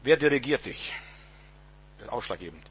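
A man's voice: medium pitch, expressive, normal speed, fairly bright tone, slightly rough. A man preaching a sermon, emphatic and repetitive, often restarting with stammered words, on a radio-style recording.

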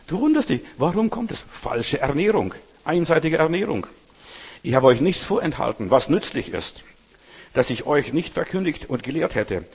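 Emphatic preacher in a reverberant hall. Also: male voice, mid-range voice, a little mellow, breathy edge. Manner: emphatic, repeats phrases for stress; addresses listeners directly. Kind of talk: sermon.

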